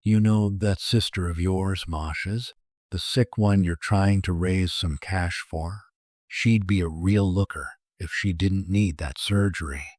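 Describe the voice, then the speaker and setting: A man's voice: deep voice, steady tone, darkish tone, no room sound, studio quality. A man voicing a cruel, sleep-starved killer in a horror story, with a taunting, menacing manner. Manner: taunting, menacing, drawn-out repetition. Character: murderous, sleep-starved criminal, gloating and cruel. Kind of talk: acted dialogue in horror storytelling.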